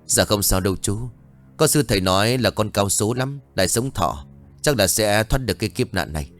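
A man's voice: on the low side, animated, brisk, a bit bright, soft background music. A man voicing a polite, confident young man who speaks reassuringly.

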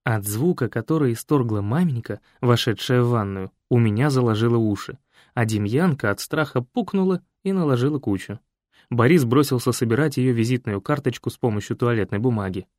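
Male narrator, calm wry reading, lively pitch, dry close recording. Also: brisk, no room sound. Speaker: audiobook narrator. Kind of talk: scripted first-person narration.

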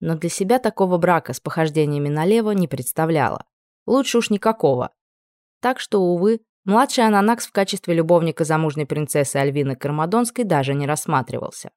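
A woman narrates first-person fiction in a fairly low voice. She reads with lively irony, and the recording is dry and close. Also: fairly quick, dry recording. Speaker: audiobook narrator.

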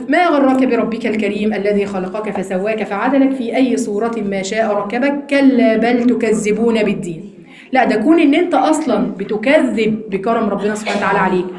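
A woman with an Egyptian accent teaching a Quran lesson to women, explaining quickly and slowing down to recite verses. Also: high voice. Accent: Egyptian Arabic. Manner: fast, animated explaining, slows for recitation. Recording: echoey room.

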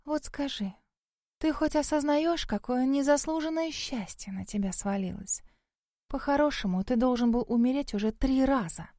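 A sharp-tongued female spirit who has lived for centuries, as a woman reader puts her on. She scolds and sneers in a raised, hushed voice. The reading sounds close and dry. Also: sits high, animated, moderate pace, no echo, voice pushed up. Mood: lecturing. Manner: scolding, sarcastic, often hushed.

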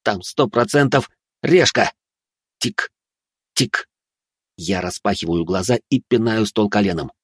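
A man's voice: fairly low pitch, animated, moderate pace, husky, no room sound, clean studio sound. A man narrating a first-person story in a tense, dramatic way.

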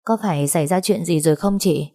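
A woman voicing a curious, concerned young woman teacher who asks her questions softly. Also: low-pitched, quick pace.

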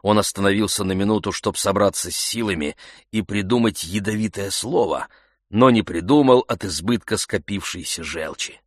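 A man narrating a classic novel in a measured, even manner. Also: on the low side, no echo, clean studio sound. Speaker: audiobook narrator.

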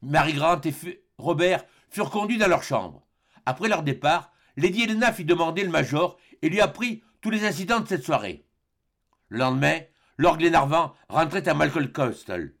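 A man reading a classic adventure novel aloud as an audiobook, in measured storytelling with small slips. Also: a little high, lively intonation, vocal fry, fairly bright tone. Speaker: audiobook narrator.

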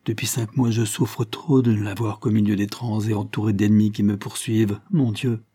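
A man's voice: on the low side, flat delivery, normal speed, warm tone, husky, no room sound, studio quality. A man voicing a young male guerrilla leader in an audiobook, speaking with impassioned, pleading intensity. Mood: anguished. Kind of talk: audiobook character reading.

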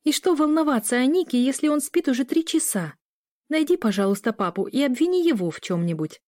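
A woman's voice: high-pitched, expressive, fairly quick, mellow, no room sound, studio quality, voice pushed up. A woman voicing an exasperated young bride who snaps back sharply, as in a storybook reading.

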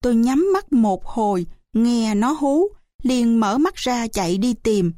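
Woman reading a storybook aloud, fairly high. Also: animated, mellow, dry recording, studio quality. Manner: measured, unhurried first-person storytelling. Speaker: audiobook narrator.

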